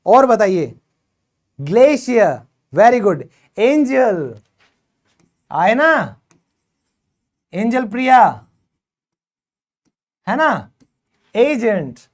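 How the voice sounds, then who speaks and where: A man's voice: high-pitched, very animated, extremely slow, pauses often. A man teaching English phonics, explaining in Hindi, praising and quizzing his students as he goes. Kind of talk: classroom phonics lesson.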